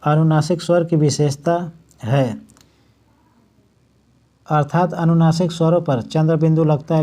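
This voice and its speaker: Guy teaching hindi grammar for exams, kinda high but mellow voice, says every example slow and stretched out. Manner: explains step by step, repeating points with "matlab"; draws out example words slowly. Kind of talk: exam-prep grammar lesson.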